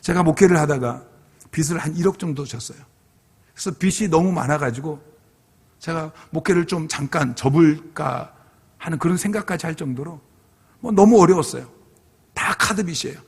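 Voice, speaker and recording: Earnest pastor, gravelly voice, church reverb. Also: male voice, a little high, moderate pace. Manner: earnest storytelling, acting out his own past pleas. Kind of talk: revival sermon with personal testimony. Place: church sanctuary. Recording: long hall reverb.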